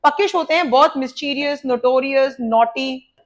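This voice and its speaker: Indian woman teaching vocabulary, higher voice. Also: moderate pace. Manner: lively explaining with repetition. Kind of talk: vocabulary lesson.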